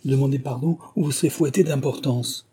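A man voicing a haughty, quick-tempered young gentleman in a storybook reading, with a raised, commanding delivery. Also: mid-range voice, natural voice. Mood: indignant.

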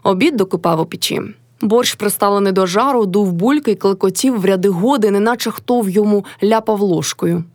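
A woman reading a classic novel aloud as audiobook narrator, with measured storytelling. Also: mid-range voice, darkish tone, no room sound, studio quality.

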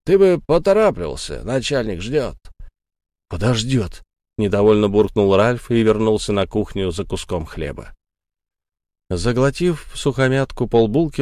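A man narrating a dark story in a steady, measured audiobook style. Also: on the low side, no room sound, clean studio sound.

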